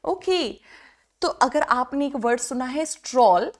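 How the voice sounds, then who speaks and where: A woman's voice: sits high, expressive, slow. A woman teaching exam vocabulary in an online lecture, mixing Hindi and English and quizzing the class with repeated rhetorical questions.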